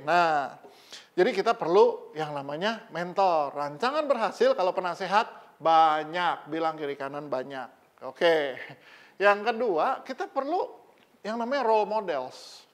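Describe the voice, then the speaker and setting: A male pastor preaching a sermon in an animated, conversational way, full of rhetorical questions. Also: sits high. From Indonesia.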